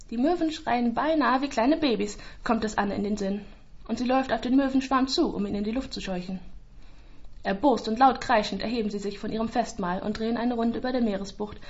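Brief: female storyteller, calm and even, somewhat high voice, dull lo-fi audio. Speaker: narrator. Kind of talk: scripted story narration.

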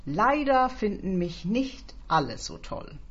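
A woman's voice: medium pitch, very animated, slow pace, breathy edge, lo-fi sound, exaggerated voice. A woman voicing a tired, bitter middle-aged man who answers in a grumbling, weary way.

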